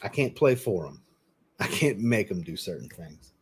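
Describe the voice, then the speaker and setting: Deep-voiced and slightly rough, this live streamer speaks at normal speed with big swings in pitch. His casual commentary wanders, he's blunt with the occasional mild curse, and he keeps restarting and repeating things.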